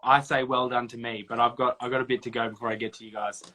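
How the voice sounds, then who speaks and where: A man's voice: mid-range voice, little pitch movement, fast, pushed and bright. A man hosting a casual youth ministry video chat, chatty and joking with his guests. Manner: jokey, chatty.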